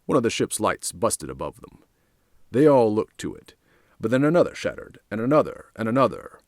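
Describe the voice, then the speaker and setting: A man narrating a dark crime story, with a low voice that still moves a lot in pitch. The reading is dry and close to the mic. He tells it expressively. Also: no echo. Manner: expressive, does many voices.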